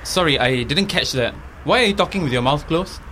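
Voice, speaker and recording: A man's voice: on the high side, lively intonation, fairly quick, bright, forceful tone, a little hiss or hum. A man playing a polite, insistent police officer questioning someone in a comedy sketch. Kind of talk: comedy podcast sketch acting.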